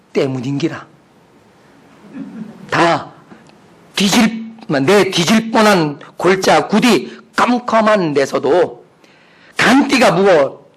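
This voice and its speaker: A man reading a psalm slowly and playfully in a Gyeongsang dialect accent. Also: high voice, fairly bright tone, husky, exaggerated voice. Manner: slow, drawn-out, joking recitation.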